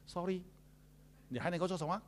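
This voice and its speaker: A man, a pastor preaching a sermon in a lively, joking way. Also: a little high, moderate pace, slight background noise.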